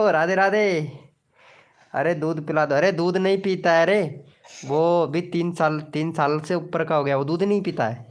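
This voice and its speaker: Man, live stream host, casual chat, greets viewers, reads chat aloud, at home, somewhat high pitch. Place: indoors at home, child beside him.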